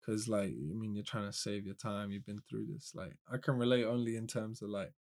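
A man's voice: lowish voice, brisk, a little mellow. A man from England with an English accent, chatting on a podcast in a laid-back, loose way and swearing freely. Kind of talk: casual podcast chat.

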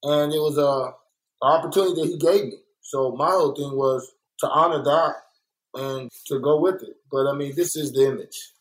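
A man from Los Angeles, an artist appearing as a guest in a casual interview, speaks candidly and tells stories from his life, growing animated when quoting others. His voice is a little high and moves at normal speed, though the audio quality is poor. The setting is an art workspace.

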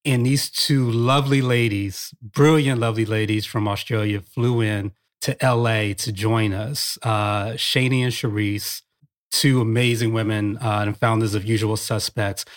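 A man's voice: lowish voice, fairly even intonation, unhurried. A man co-hosting a podcast, chatting casually and telling stories with enthusiasm. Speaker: podcast co-host. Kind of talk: casual chat.

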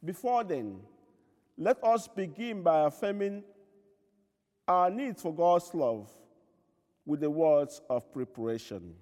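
A man leading a church service as priest, speaking formal liturgy and prayers in a measured, solemn way with a cathedral-like echo. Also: on the high side, animated, darkish tone. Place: large reverberant church.

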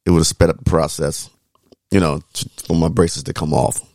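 A man's voice: very deep voice, little pitch movement, moderate pace, darkish tone, no echo. A man co-hosting a podcast in casual, colloquial, laid-back chat, his speech slightly slobbery around dental braces. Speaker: podcast co-host.

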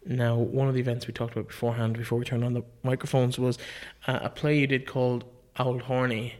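A man's voice: medium pitch, level tone, quick pace, a little mellow. A man with an Irish accent hosting a conversational podcast interview, introducing and questioning a guest.

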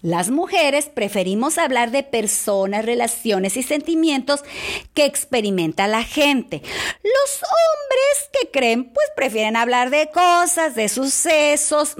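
A woman giving an animated, confiding talk on marriage to an audience of women. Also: high-pitched, slow.

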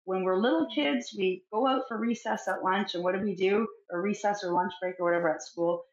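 A middle-aged woman, a counsellor, talking as a guest in an interview, speaking in a reflective, expressive way and acting out little everyday scenes. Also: medium pitch, fairly quick. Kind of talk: conversational interview. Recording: roomy, dull lo-fi sound.

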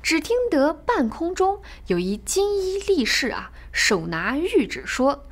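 A woman retelling a classic tale casually, chatty and expressive, with asides to the listener. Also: high-pitched, measured pace. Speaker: storyteller. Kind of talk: casual storytelling podcast.

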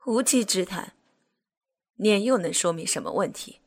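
A woman lowers her voice to play an aloof middle-aged official who brushes people off with a sneer. His tone is low and husky, curt and cold. It is a character in a spoken novel. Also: animated, unhurried, full character voice. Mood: dismissive. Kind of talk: audiobook character voice.

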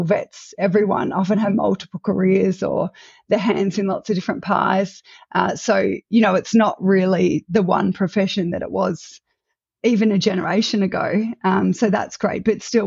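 A woman with an Australian accent talks through her path as a vet, reflective and chatty. Her voice is raspy with a gravelly edge. The sound is dry and a little dull, like a remote call. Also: mid-range voice, darkish tone, no echo. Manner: chatty, reflective, with fillers and restarts. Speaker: guest veterinarian. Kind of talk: conversational interview.

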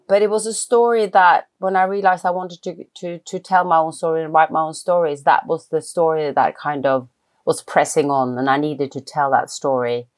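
A middle-aged woman, a film writer-director, speaking English as an interview guest, thoughtful and hesitant with frequent restarts. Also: deep voice. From Norway. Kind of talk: reflective personal interview.

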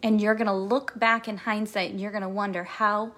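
A woman in her forties, a coach hosting her podcast, speaks fairly quickly at medium pitch with a level, fairly bright tone. Her motivational monologue leans on emphasis and repetition and at times becomes emotional.

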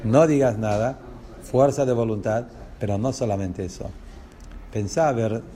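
A man with a Rioplatense Spanish accent leads a lesson on a religious text, in a voice of ordinary middle pitch. He explains patiently, point by point, often turning to his listeners with rhetorical questions. A faint hiss of noise sits under the recording. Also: normal speed, mellow. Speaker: religious teacher.

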